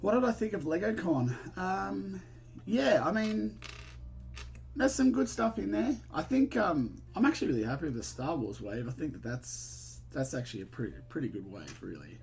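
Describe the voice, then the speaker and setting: A man with an Australian accent and a fairly high, sing-song, slightly mellow voice hosts a casual live stream at a moderate pace. He greets viewers in a friendly, informal way and answers them while building, thinking aloud in a hesitant, rambling manner.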